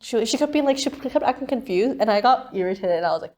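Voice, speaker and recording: Young woman retelling a story in animated voices. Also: on the high side, fast talker. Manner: animated, acts out family members' voices in quotes. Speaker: podcast co-host. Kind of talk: casual storytelling chat.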